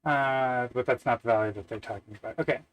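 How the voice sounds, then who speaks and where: A Canadian man, a software developer live-streaming his coding, thinks aloud and mutters to himself with lots of fillers and wry, self-deprecating asides. His voice is medium-pitched with fairly even intonation and a quick pace. Audio quality is poor, and keyboard typing can be heard behind him.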